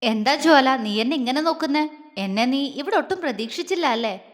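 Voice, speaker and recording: A woman voicing a smug, scornful young female rival who taunts in a mocking tone. Her voice is high. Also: lively intonation, normal speed, big-room sound. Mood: taunting.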